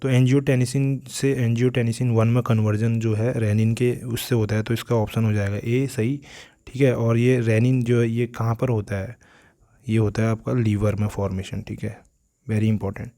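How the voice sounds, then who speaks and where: A man runs an exam prep lesson in an unhurried explaining tone, checking in with "theek hai" after almost every point. His voice is mellow and dark, with little rise and fall. When he reads the questions he slows down. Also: medium pitch, level tone. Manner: says "theek hai" after nearly every point, mixing in English terms. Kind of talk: casual explanatory lecture.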